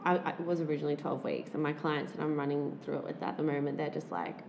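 A woman intimacy coach chatting as a podcast guest, enthusiastic and animated, often affirming the other speakers. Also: low voice, fast talker, creaky, lo-fi sound, background noise. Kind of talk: casual podcast chat. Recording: roomy echo.

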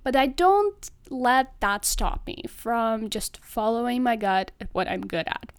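A young woman in her 20s from a Russian-speaking country, whose first language is Russian, hosts a solo podcast monologue. Her fairly high voice is animated yet a little slow, recorded dry, and her manner is chatty, earnest and upbeat.

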